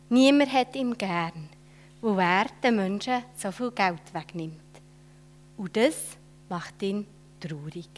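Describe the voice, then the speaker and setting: A woman telling a children's Bible story in an expressive way, with dramatic swells and soft whispered asides. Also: mid-range voice, slight background noise.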